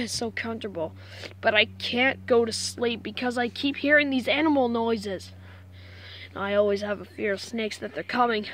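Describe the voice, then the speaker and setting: A woman's voice: fairly high pitch, a little hiss or hum. A woman vlogging casually to her viewers, anxious and apologetic, often sighing and exclaiming. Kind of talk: casual vlog narration to viewers.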